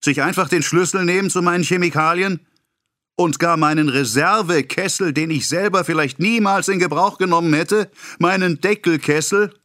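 A pompous, excitable middle-aged apothecary, put on by a male reader in an audiobook, ranting in a strained, raised voice well above the reader's own. He scolds breathlessly and with great self-importance. The sound is close and dry. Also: fairly high pitch, slow pace, few pauses, dry recording, voice pushed up, exaggerated voice. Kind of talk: audiobook character voice.

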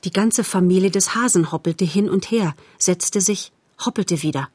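Calm, low-voiced woman reading a story. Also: normal speed, slightly rough, dry recording. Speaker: audiobook narrator. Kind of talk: scripted narration of a storybook.

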